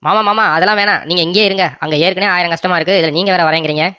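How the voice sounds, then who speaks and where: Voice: mid-range voice, racing, bright, forceful tone, smooth, dry recording, studio quality, close to an everyday voice. A voice actor playing a doting young husband in a cartoon comedy, coaxing and sweet-talking his wife.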